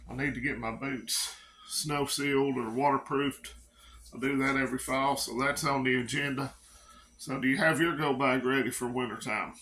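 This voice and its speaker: A man's voice: medium pitch, fairly even intonation, moderate pace, bright, forceful tone, a little hiss or hum. A middle-aged man with an East Tennessee accent, talking to camera in a folksy, rambling, blunt way as a preparedness vlogger. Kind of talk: casual chat to camera.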